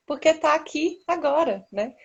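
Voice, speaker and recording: A woman's voice: sits high, expressive, slow, lo-fi sound. A woman, a massage therapist, talking casually and reflectively on a live video call, often tagging "né?". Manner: conversational, frequent "né?", soft laughs.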